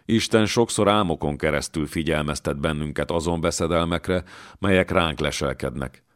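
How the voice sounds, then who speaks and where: A man voicing a calm, curious young scholar who questions and explains. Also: rumbling low, no room sound, clean studio sound.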